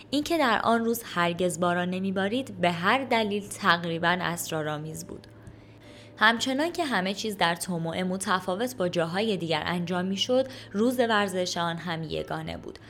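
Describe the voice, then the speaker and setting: Calm woman narrating a storybook. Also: lowish voice, slight background noise. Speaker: audiobook narrator. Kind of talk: scripted narration.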